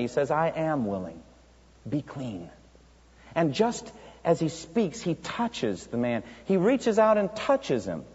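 A man's voice: a little high, darkish tone. A man preaching a sermon in an earnest storytelling way, asking rhetorical questions of his congregation. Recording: dull, reverberant church hall sound.

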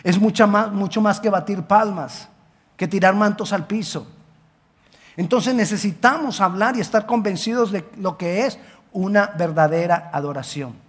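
A man preaching a sermon as pastor, emphatic, swinging between loud and quiet, repeating words for emphasis. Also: high-pitched, normal speed.

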